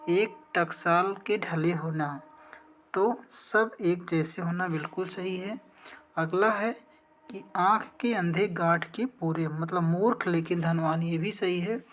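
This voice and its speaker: A female teacher and exam coaching instructor walks through practice exam questions step by step, often posing a question and answering it herself. Her voice is lowish, and there's a little hiss or hum.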